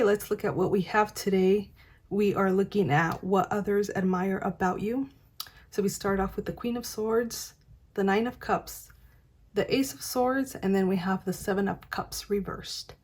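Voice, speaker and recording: Woman tarot reader, breathy, chatty, encouraging, casual to camera. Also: medium pitch, darkish tone. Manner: chatty, encouraging, many fillers.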